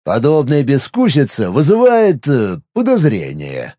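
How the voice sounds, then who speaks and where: A man voicing a sardonic male talking octopus in an audiobook, with a slow, low, sarcastic drawl. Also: huge pitch swings, mellow, no room sound, studio quality. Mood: disdainful. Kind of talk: audiobook character voice.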